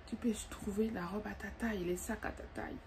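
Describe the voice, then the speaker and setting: A middle-aged woman talking casually to camera from her bed, giving advice to her viewers in a chatty, animated way, repeating little tag questions and calling the viewer darling. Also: medium pitch, fairly quick, slight background noise. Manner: animated, acts out greetings. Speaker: vlogger giving dating advice. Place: bedroom, lying in bed.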